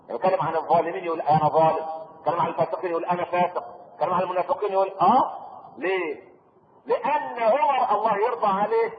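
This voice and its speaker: A man with an Egyptian Arabic accent preaching a sermon, lively and joking, full of rhetorical questions to the audience. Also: sits high. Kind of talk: sermon with colloquial asides. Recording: echoey hall on a tinny lo-fi recording with faint noise.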